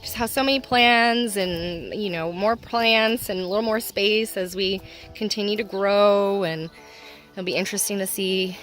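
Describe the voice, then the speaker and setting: A woman talks through a casual vlog from her homestead garden, rambling and emotional, with frequent laughter. Her voice sits at an ordinary middle pitch. Soft music plays faintly underneath. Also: measured pace. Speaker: homestead nursery owner.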